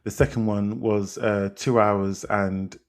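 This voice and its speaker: A man's voice: lowish voice, flat delivery, takes it slowly. A British man co-hosting a film podcast, easygoing and agreeable, often answering with "yeah" and "mm". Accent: British, London slang. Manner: laid-back, agreeable, many "mm" and "yeah" replies. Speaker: podcast co-host. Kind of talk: casual chat.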